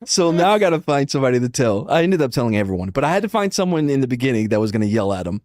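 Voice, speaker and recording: A man on a podcast telling a lively, profane story and laughing often as he goes. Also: medium pitch, very fast, no room sound, clean studio sound. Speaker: podcast co-host. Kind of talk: casual chat, animated storytelling.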